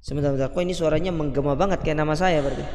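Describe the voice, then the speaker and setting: A man teaching a religious study lecture in a measured way, his voice carrying a heavy cathedral-like echo. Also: on the high side, steady tone, darkish tone, slight background noise. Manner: measured, checks with audience, recites Arabic. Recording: echoey hall with long reverb.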